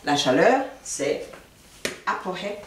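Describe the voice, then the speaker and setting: Low-voiced woman teaching words slowly. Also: very animated, a little hiss or hum. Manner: patient, repeats words slowly with pauses. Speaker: language teacher. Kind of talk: casual spoken language lesson. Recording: echoey room, mic at a distance.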